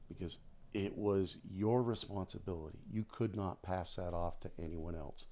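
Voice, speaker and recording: An American podcast guest in his sixties, formerly an air traffic controller, shares stories conversationally and leans on repeated phrases for emphasis. He speaks in a low-pitched, dark voice.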